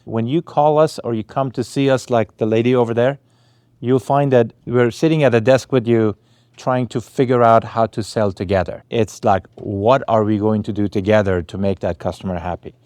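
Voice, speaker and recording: A man giving an earnest, reassuring sales pitch to real estate agents. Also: fairly even intonation, normal speed, darkish tone, smooth, no echo, studio quality. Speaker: company founder addressing agents.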